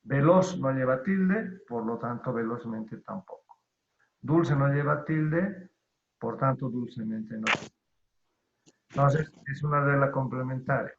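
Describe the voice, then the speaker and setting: A man teaching an online class, explaining spelling rules slowly and deliberately with pauses. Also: mid-range voice, roomy sound, slight background noise. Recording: tinny phone-like online call audio.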